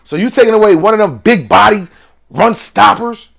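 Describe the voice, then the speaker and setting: A man hosting a casual sports betting picks monologue, excitable and slangy, with sudden exclamations. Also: high-pitched, normal speed, creaky, faint music behind.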